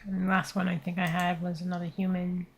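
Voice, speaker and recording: A woman in her twenties chatting casually and thinking aloud while drawing on a stream, in a tired, low-energy, laid-back voice, into a desk mic. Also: monotone, fast, slight background noise. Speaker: VTuber streamer. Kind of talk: casual art stream chat. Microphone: desk microphone set to surround pickup.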